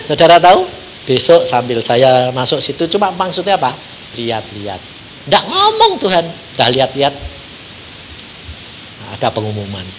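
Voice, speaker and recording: A male evangelist with a Javanese-influenced accent preaches in a bright, forceful voice. His pitch swings widely as he tells jokey stories and plays out both sides of a conversation. The delivery is lively and theatrical. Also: normal speed, pauses often, a little hiss or hum. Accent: Javanese-influenced Indonesian. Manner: animated, jokey, acts out dialogue. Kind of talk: sermon with lively storytelling.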